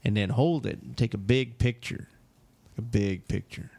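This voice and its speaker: Gravelly man in casual banter. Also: on the low side, moderate pace, a little mellow, dry recording.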